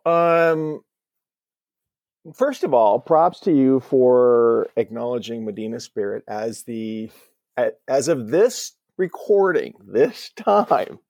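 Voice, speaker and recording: A man chats casually as a podcast co-host, with noticeable vocal fry. He speaks slowly and likes to repeat a phrase for emphasis. The recording is close and dry. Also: mid-range voice, a little mellow, no room sound, highs cut off. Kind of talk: casual banter.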